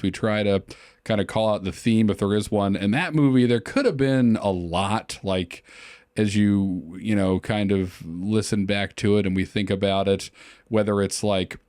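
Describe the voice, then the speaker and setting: A man co-hosting a casual podcast chat, jokey and quick to laugh. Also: on the low side, darkish tone, no room sound, clean studio sound. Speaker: podcast co-host.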